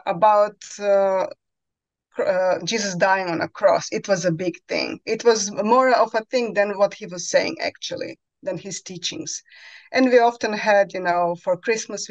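A woman in her forties with a mid-range voice and a Croatian accent is interviewed on a podcast in English, her second language, often groping for words and using lots of fillers. She talks indoors at home via a headset on a video call. The sound is lo-fi with no echo.

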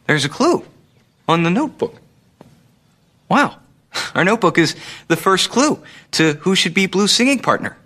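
A man's voice: high voice, moderate pace, long pauses, exaggerated voice. A man in his twenties playing a friendly preschool show host, talking patiently and expressively to child viewers. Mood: encouraging. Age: 20s. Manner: patient, encouraging, exaggeratedly expressive.

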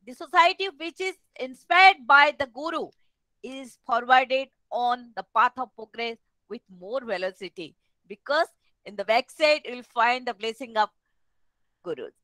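High, bright-voiced Odia Indian woman hosting. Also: animated, moderate pace, no echo, poor audio. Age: middle-aged. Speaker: webinar host. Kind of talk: formal webinar address. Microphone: headset on video call.

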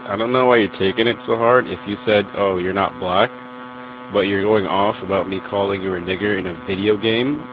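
A young man ranting at another gamer in voice chat, aggressive, profane and taunting. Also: lowish voice. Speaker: online gamer. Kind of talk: voice-chat rant. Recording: muffled noisy game voice message.

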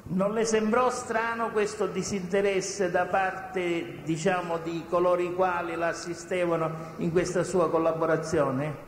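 Man, defense lawyer, high-pitched voice, probing questions, roomy echoing courtroom, faint hiss. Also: fairly even intonation, measured pace, few pauses. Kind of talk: courtroom cross-examination. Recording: echoey courtroom with long reverb and faint noise.

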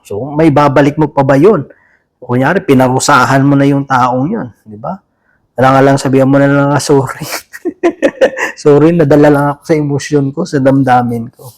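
A man's voice: mid-range voice, steady tone, normal speed. A man preaching a sermon in a casual, conversational way, often turning to the listeners with a question. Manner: many restarts and fillers, chatty and informal.

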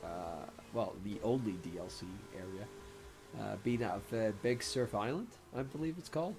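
A man with a hoarse throat, rambling casually through gameplay commentary with lots of fillers. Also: lowish voice, normal speed. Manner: rambling, many fillers and self-mocking laughs. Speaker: game streamer. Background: game music.

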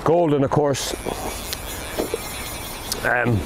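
An older Irish man speaks extremely slowly with vocal fry in a mid-range voice, casually explaining fly fishing outdoors by a river with ums and asides in a relaxed manner. A camera on the bank records him from a distance amid flowing water and wind.

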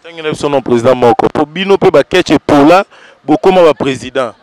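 Guy interviewing, fires off quick teasing questions, voice kinda high. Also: a little mellow. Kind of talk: casual interview chat.

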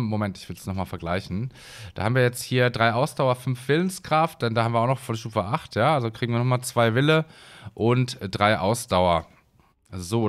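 A man from Hesse talks casually over his gameplay, rambling along with plenty of fillers and restarts. His voice sits at an ordinary middle pitch, recorded close on a desk microphone. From Hesse, Germany. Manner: chatty, rambling, many fillers. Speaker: let's play host.

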